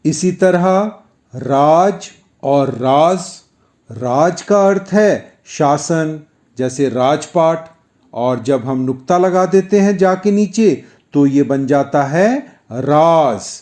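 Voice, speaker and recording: A middle-aged man teaching Hindi pronunciation in a scripted lesson, speaking deliberately and drawing out sounds for practice. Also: a little high, lively intonation, darkish tone.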